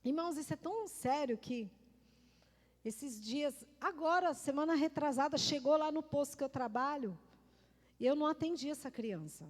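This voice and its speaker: A woman's voice: sits high, expressive, normal speed. A middle-aged woman pastor, preaching emphatically, repeating key words and calling on the congregation. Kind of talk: sermon. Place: church. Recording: long reverb of a church hall.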